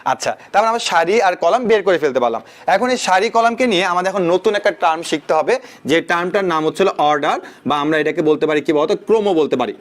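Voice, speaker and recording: High-voiced young man teaching math. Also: expressive, fast talker. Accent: Bangladeshi Bengali. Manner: quizzing students with rhetorical questions, mixing English words. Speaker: math tutor. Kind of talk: online class lecture.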